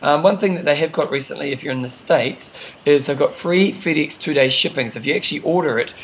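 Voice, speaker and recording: Casual male podcast host, broad Kiwi accent, informal and slangy, over clear background noise. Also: fairly high pitch, fast talker, a bit bright. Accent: broad New Zealand. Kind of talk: casual co-hosted sports chat.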